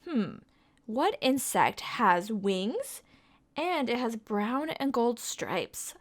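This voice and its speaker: A lively woman reads a picture book aloud to children at storytime, her voice a little high and extremely slow. She speaks in a sing-song way and coaxes her young listeners with questions.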